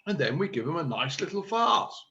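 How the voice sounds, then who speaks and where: A man's voice: a little high, very animated, fairly quick, bright, forceful tone, lo-fi sound. A man reading the part of a self-important chairman of an amateur drama group, declaiming his big plan. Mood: scheming. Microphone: video call.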